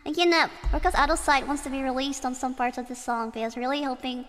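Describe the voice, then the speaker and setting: Speaking fast with fairly even intonation, a woman streamer with a high-sitting, fairly bright voice fills the gaps between karaoke songs. She's giggly and chatty, reads chat aloud, and has a strong belting voice, with a long reverb tail.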